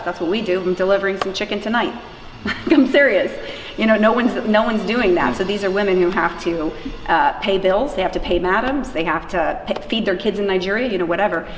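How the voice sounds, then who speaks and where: In an echoey, reverberant room with clear background noise, a woman with a mid-range voice is interviewed about her anti-trafficking work. She answers informally and emphatically, acting out quotes to illustrate her points.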